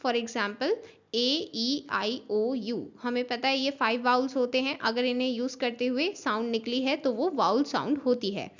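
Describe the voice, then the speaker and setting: A woman's voice: high voice, fairly bright tone. A woman teacher giving an online class lecture, explaining step by step, spelling out letters and checking that students have understood. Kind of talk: online class lecture mixing Hindi and English. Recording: dull lo-fi recording.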